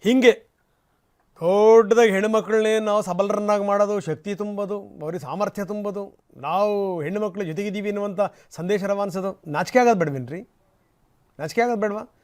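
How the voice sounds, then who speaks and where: A man's voice: sits high, a little fast, darkish tone. A man giving impassioned, indignant news commentary as an anchor, full of rhetorical questions and emphatic repetition.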